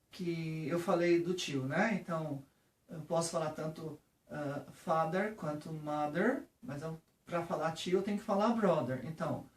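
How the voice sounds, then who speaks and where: A teacher with a Brazilian Portuguese accent giving a patient lesson on English vocabulary, often checking in with the viewer. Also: mid-range voice. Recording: roomy, from a distance.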